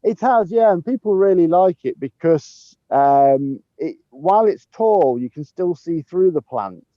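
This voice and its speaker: A man's voice: a little high, expressive, unhurried, no echo, highs cut off. A man, the head gardener, chatting casually outdoors in a sunny garden as he films on a handheld phone, chuckling often between ums. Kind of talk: casual garden tour chat. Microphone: handheld phone camera while walking.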